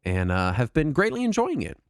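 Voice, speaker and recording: A man hosting a podcast in casual, jokey, self-deprecating chat, his throat raspy from a cold. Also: medium pitch, wildly swooping pitch, brisk, no room sound, studio quality. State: sick with a mild throat cold and cough. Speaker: podcast host.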